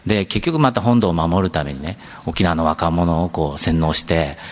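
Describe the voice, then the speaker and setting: Male stage moderator with a very deep voice, courteous and measured. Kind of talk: polite onstage question. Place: large convention center theater.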